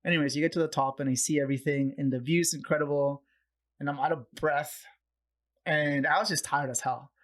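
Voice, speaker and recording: A young man from Peru, a podcast guest, casually telling a story and acting out the voices of people he quotes. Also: brisk. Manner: animated, acts out quoted voices with raised pitch.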